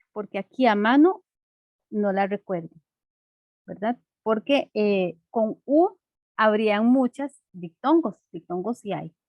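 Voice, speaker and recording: A woman's voice: mid-range voice, no echo, dull audio. A woman teacher explaining a lesson patiently and simply, checking in with her class through frequent rhetorical questions.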